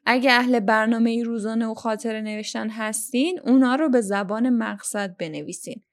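A young woman from Iran hosts a language-learning podcast, her voice sitting a little on the high side. She explains each tip in a clear, instructive way, speaking straight to her listeners as she works through the episode. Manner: instructive, addresses listeners directly. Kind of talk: scripted podcast lesson.

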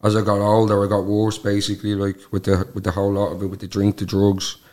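A man in his twenties with a Dublin accent speaks in a low voice that stays very flat. He talks colloquially as an interview guest, peppering his speech with little tag phrases. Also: quick pace. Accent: Dublin Irish. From Dublin, Ireland. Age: 20s. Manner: colloquial, peppered with "like" and "you know what I mean". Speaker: podcast guest. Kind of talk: casual personal interview.

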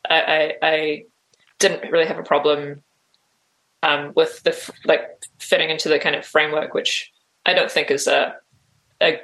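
A woman's voice: sits low, flat delivery, moderate pace, pauses often, fairly bright tone. Hesitant New woman guest. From New Zealand. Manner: hesitant, full of "like" and "um" fillers. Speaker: interview guest. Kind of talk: casual interview answers.

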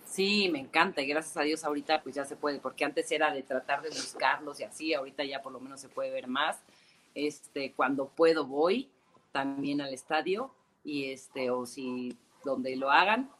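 A woman with a Mexican accent, chatting as a guest in an interview and telling animated stories full of fillers, heard over a phone call. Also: deep voice, a little hiss or hum. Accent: Mexican Spanish. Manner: animated storyteller, many fillers like "este" and "o sea". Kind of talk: casual interview chat.

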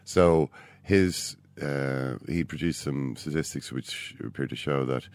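An Irish-accented man explaining things in a measured, tentative way in a casual sports discussion. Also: very deep voice, darkish tone, dry recording. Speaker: sports podcast co-host.

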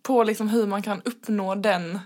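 Female host, mid-pitched voice, eager and rambling, filler-heavy casual questions. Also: steady tone, darkish tone. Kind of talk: casual interview.

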